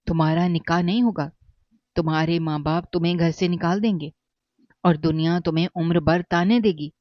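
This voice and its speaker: A man's voice: fairly high pitch, steady tone, no echo, lightly acted. A man voicing a bitter, wronged young mother who speaks coldly and scornfully, in a dull, dry recording.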